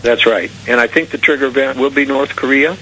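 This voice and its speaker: A man's voice: mid-range voice, fairly quick, sharp tone, slight background noise, poor audio. A man speaking as a radio talk show guest, giving earnest, conspiratorial political warnings in long, unscripted explanations. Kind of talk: unscripted political interview commentary.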